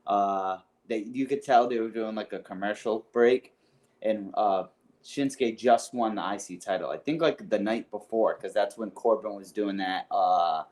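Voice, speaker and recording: Low-voiced rambling podcast guy. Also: normal speed, darkish tone. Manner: rambling, hedging with fillers. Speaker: podcast co-host. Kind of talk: casual chat.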